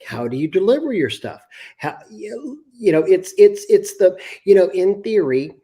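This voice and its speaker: A man's voice: high voice, big pitch swings, normal speed, mellow, slightly rough. A man hosting a casual podcast chat, explaining points with rhetorical questions. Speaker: host.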